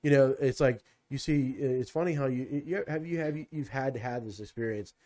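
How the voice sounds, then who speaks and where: Mellow-voiced man, rambling and reflective. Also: mid-range voice, normal speed. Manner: rambling, many fillers and restarts, reflective. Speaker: podcast co-host. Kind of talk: casual podcast chat.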